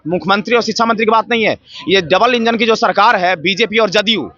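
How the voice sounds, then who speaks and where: A man's voice: high voice, fast talker, sharp tone, no room sound. A man, a protesting teacher candidate, speaking aggrieved in a street interview and firing off rhetorical questions. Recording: dull lo-fi street recording.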